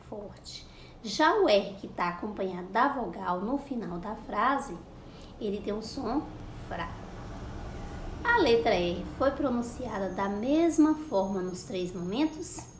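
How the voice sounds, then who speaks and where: A higher-pitched woman talks young pupils through a lesson at an unhurried pace. She repeats words and sounds out syllables with patience. Her voice echoes around a room with a faint hum of ambience behind it. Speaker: primary school teacher. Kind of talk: recorded classroom lesson for children.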